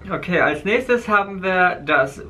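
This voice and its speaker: A young man from Germany, casually and patiently teaching words and gently correcting. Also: sits high, lively intonation, unhurried. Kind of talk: casual chat, language lesson. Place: hotel bedroom, indoors.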